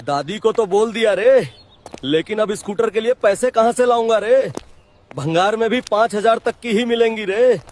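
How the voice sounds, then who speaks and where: A man's voice: sits high, moderate pace, a little mellow, slight background noise, lightly acted. A man voicing a naive, hapless young village man in a comic cartoon, with a whiny drawl. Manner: whiny drawl ending lines with "re". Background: music.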